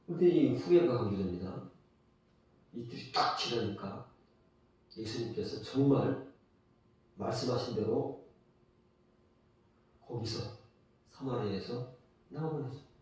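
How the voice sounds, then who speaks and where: A man's voice: mid-range voice, lively intonation, measured pace, long pauses, a little mellow. A man preaching a sermon as a pastor, emphatic, repeating key phrases and asking rhetorical questions. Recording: distant mic, very echoey church hall.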